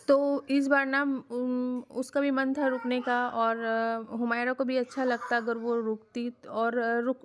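A woman's voice: on the high side, a little hiss or hum. A woman giving a casual voice-over for her family vlog, chatty and rambling, with frequent fillers and restarts. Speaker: family vlogger.

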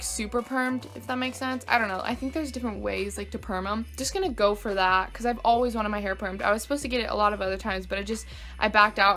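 A woman's voice: fairly high pitch, fairly bright tone. A teenage girl chatting casually to her phone camera in her bedroom, rambling with lots of "like" and "I don't know". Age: teens. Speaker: vlogger. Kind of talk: casual vlog chat. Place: bedroom, indoors. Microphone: phone camera at arm's length.

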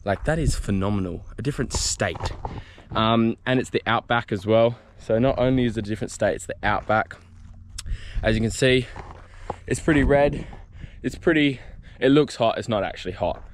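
A man's voice: lowish voice, a little fast, slight background noise. Rambling Australian guy vlogging outdoors. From South Australia. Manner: chatty, rambling, jokey with lots of ums. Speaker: mountain bike vlogger. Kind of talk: casual vlog chat. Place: outdoors on bush trails.

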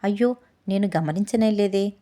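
A woman voicing a mischievous, excitable little village girl in a children's storybook, blurting things out loudly. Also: mid-range voice, close to an everyday voice. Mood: sheepish. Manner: shouts in alarm, quick to blurt.

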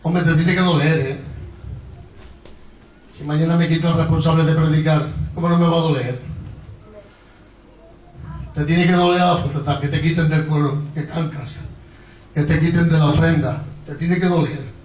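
High-voiced impassioned preacher. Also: male voice, fairly even intonation, moderate pace, pauses often. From Bilbao, Spain. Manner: impassioned, often shouting, storytelling with humor. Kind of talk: sermon. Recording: echoey hall with distant mic, music and congregation. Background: music and congregation.

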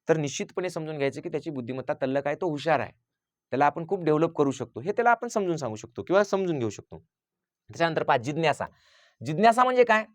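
Brief: brisk male teacher, slightly high voice, quizzes his listeners and answers his own questions. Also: no echo, studio quality. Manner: rhetorical questions answered himself; acts out children's quoted lines. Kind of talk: parent advice talk.

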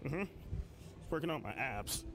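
A man's voice: medium pitch, expressive, a little slow, over music. A man on a prank video, acting out a clueless, whiny gym-goer as he talks to strangers in a gym. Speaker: prank YouTuber. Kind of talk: in-character prank talk. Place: indoor gym.

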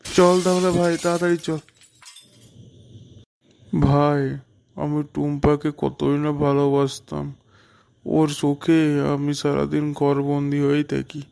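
A man voicing a lovesick, gravelly young villager. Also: fairly high pitch, measured pace, pauses often. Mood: eager. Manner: excitable, eager, dramatic. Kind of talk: animated cartoon voice acting.

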